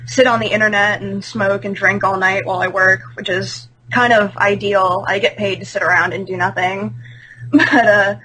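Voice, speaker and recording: A woman's voice: mid-range voice, fairly even intonation, normal speed, bright, forceful tone, slight background noise, poor audio. A woman in her twenties, a podcast guest on a video call, talking candidly and laughing often. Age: 20s. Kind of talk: casual podcast chat. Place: at home on a call.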